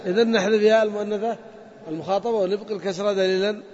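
A man's voice: sits high, fairly even intonation, very fast, a little mellow. A man teaching a grammar lesson to a class, methodically repeating points and quizzing his students. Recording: dull lo-fi sound in a reverberant hall.

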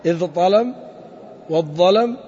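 A man's voice: sits high, unhurried, warm tone. A man teaching Arabic grammar in a classroom lesson, explaining step by step and quizzing his students with short questions. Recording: echoey hall, dull lo-fi sound.

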